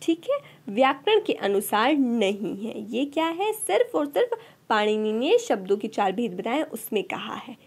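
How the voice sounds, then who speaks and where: High lively woman teaching a lecture. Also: normal speed, slightly rough. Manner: asks rhetorical questions and answers them. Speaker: Sanskrit teacher. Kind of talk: exam-prep lecture.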